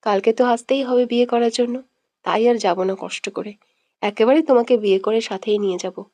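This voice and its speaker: Lady doing a fiery jealous young guy in an audio romance, scolds and threatens, warm slightly high voice. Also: fairly even intonation, brisk, no room sound, lightly acted. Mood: teasing. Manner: scolding, threatening, then teasing. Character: hot-tempered, jealous young man in love.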